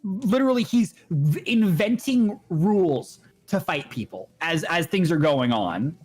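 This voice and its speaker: Man, casual podcast co-host, lively retelling, slightly high pitch. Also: measured pace, breathy edge. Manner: animated retelling of scenes, acting out quotes. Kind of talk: casual chat.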